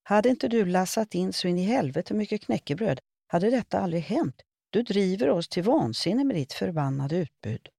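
A woman's voice: mid-range voice, lively intonation, vocal fry, few pauses, warm tone, no room sound, studio quality, pitched above the performer's own voice. A woman reading a humorous column, voicing a distraught young woman accusing a shopkeeper. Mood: upset. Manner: upset, accusing.

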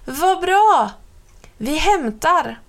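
An eager, bold little boy from a storybook, calling out with high-pitched excitement. A woman reads him aloud. His voice jumps up and gets loud whenever he shouts. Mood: excited. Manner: excited, calls out loudly.

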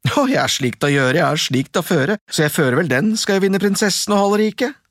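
A storyteller voicing a cheerful young lad in a folk tale, calling out high and excited in sing-song. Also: no echo, studio quality, close to an everyday voice. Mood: content. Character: cheerful young male hero, proud of his finds. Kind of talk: storybook reading.

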